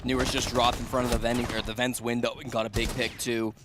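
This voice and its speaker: A man's voice: mid-range voice, level tone, fast, background noise. A man giving live esports commentary and analysis, emphatic and repeating key phrases for weight. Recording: music bed behind the voice. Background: music.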